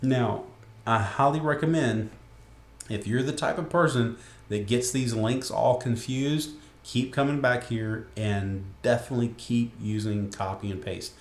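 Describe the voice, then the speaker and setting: A man's voice: mid-range voice, fairly even intonation, measured pace. A man walking viewers through a web page in a casual screen-recorded tutorial, folksy and joking as he goes. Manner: chatty and folksy, with jokes and asides. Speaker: software tutorial presenter. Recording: echoey room.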